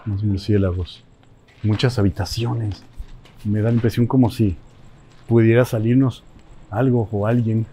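Male Mexican vlog host, mellow tone, hushed and wary narration, big derelict space. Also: fairly low pitch, steady tone, a little slow, long pauses, slight background noise. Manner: hushed, cautious commentary while walking. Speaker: host, explorer. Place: large abandoned building.

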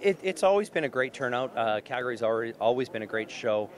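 A middle-aged association president gives off-the-cuff interview answers into a handheld reporter mic in a large indoor exhibition hall, a busy convention crowd audible behind him. His mid-range voice is animated, and he talks fast.

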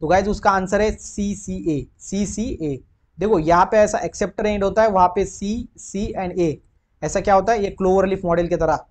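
Indian male tutor with a high voice, quizzes the class and answers himself, mixed Hindi-English. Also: a little mellow. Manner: mixes Hindi and English, quizzes listeners with quick questions then answers. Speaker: biology teacher. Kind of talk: exam question walkthrough.

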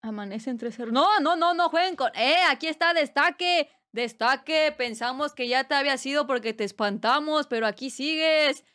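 A woman's voice: high-pitched, moderate pace, hardly any pauses, a bit bright. A Mexican woman streaming live, chatting casually and reading chat aloud with playful teasing and bursts of squealing laughter.

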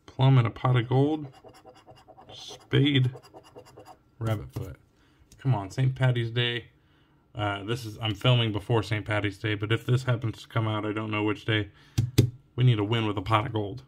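Speaking on the low side with fairly even intonation, a young Oregon man narrates casually at a moderate pace, pausing often, as he scratches lottery tickets at home late at night. He hosts a scratch-ticket channel and reads each symbol aloud in a tired, cracking Oregon US English voice. A downward-pointed phone or camera captures coin scratching, clicks, and a little hiss or hum.

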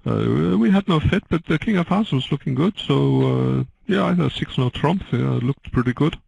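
A man's voice: medium pitch, lively intonation, moderate pace, gravelly, darkish tone, husky, no echo, pitched above the performer's own voice, heavily acted, poor audio. A man voicing a self-satisfied bridge player in a jokey mixed foreign accent, rambling through his bid. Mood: smug.

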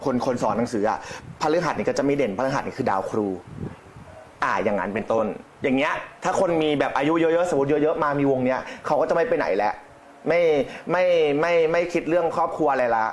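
A man reading palms on a casual live stream, chatting and talking straight to the viewers. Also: fairly quick. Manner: chatty, addresses viewers directly, jumps high in pitch when joking. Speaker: palm reader.

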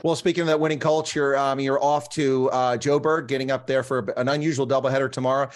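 A man's voice: medium pitch, fairly even intonation, fast, a little hiss or hum. A man working as a reporter, asking a coach a question and wishing him luck. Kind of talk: press conference question.

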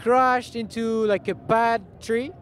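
A man's voice: extremely high pitch, steady tone, slow pace, a bit bright, slight background noise. A man giving a post-race interview, laid-back and hesitant with lots of fillers. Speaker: interviewed racer.

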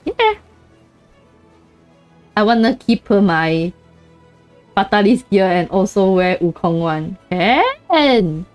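Giggly playful woman streamer, slow talk. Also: mid-range voice, very animated, a little mellow, no echo, faint music behind. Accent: Chinese. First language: Chinese. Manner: giggly, playful, repeats words in bursts. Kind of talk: casual gaming chat.

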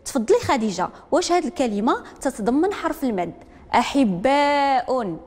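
A woman with a Moroccan accent teaching a literacy lesson, repeating each word slowly and calling on learners one by one. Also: sits high, sing-song, a little mellow, long reverb tail. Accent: Moroccan Arabic. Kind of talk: broadcast classroom lesson.

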